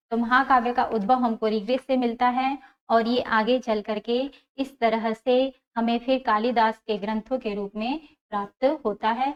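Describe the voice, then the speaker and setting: A woman teaching an exam-prep lecture, explaining step by step, repeating key terms and asking and answering her own questions. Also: a little high. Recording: dull lo-fi sound.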